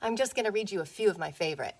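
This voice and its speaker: A woman teacher reads a picture book to young children, playful and expressive, often asking them questions. Her medium-pitched voice is rapid-fire, with a creaky, breathy edge.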